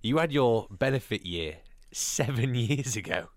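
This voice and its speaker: A man's voice: mid-range voice, expressive, unhurried. A man hosting a podcast in casual chat. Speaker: podcast host.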